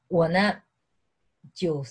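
A middle-aged woman from mainland China gives an animated sermon, mixing personal testimony with questions to her listeners. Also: lowish voice, drawn-out words, husky. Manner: animated, repeatedly asks "是不是". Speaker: preacher.

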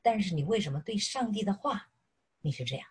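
A middle-aged woman from mainland China gives an animated sermon, mixing personal testimony with questions to her listeners. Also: medium pitch, a little fast, breathy edge. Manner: animated, repeatedly asks "是不是". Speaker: preacher.

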